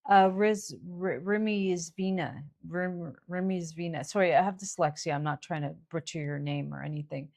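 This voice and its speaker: A woman with a somewhat low voice hosts a live Q&A stream. She talks casually and easily, handing out health tips to callers as she goes. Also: moderate pace, creaky, few pauses, a little mellow. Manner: chatty, gives health advice.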